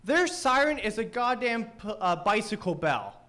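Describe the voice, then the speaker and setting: A man's voice: high-pitched, sing-song, measured pace, sharp tone. A young man doing open mic stand-up in a small studio. He is brash and profane, teases the crowd, and has a thick, mushy way of saying his words. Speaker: stand-up comedian; teacher. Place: small comedy studio stage.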